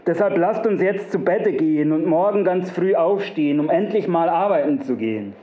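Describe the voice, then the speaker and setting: A man voicing an eager, naive male villager in a spoken fairy tale, talking in quick, agreeable bursts in a roomy, dull recording. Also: high-pitched, animated.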